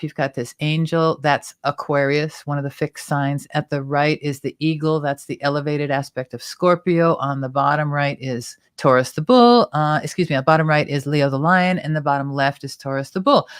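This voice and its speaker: A woman's voice: low-pitched, normal speed, few pauses, clean tone, dry recording, studio quality. A woman hosting a tarot talk show, chattily explaining the cards and their symbols at length. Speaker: tarot reader and show host.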